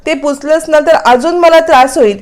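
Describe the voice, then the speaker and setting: A woman's voice: sits high, moderate pace, voice pushed up, close to an everyday voice. A woman reading a young wife in pain. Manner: insistent, repeating her complaints.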